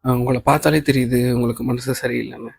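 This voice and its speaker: A man reading the lines of a kind male office boss in an audiobook of a novel, calm and reassuring, mixing in English phrases. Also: mid-range voice, fast, vocal fry, slightly rough.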